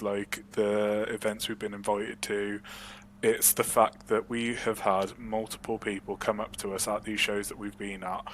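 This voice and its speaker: A young man chats on a podcast in a fairly low voice, open and rambling, laughing as he goes. A faint hum sits under the recording. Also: fairly bright tone. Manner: candid, rambling, laughs often. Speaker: podcast co-host. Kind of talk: casual podcast chat.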